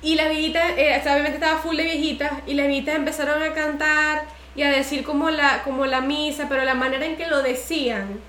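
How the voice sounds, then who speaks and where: A woman co-hosting a casual podcast, telling stories in an animated way and acting out other people's voices. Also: high voice, quick pace, reverberant, slight background noise. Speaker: podcast co-host.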